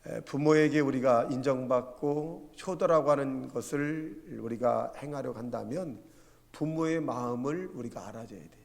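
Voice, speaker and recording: A man's voice: medium pitch, darkish tone. A male pastor preaching a sermon, telling stories and asking the congregation rhetorical questions. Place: church sanctuary. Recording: long church reverb.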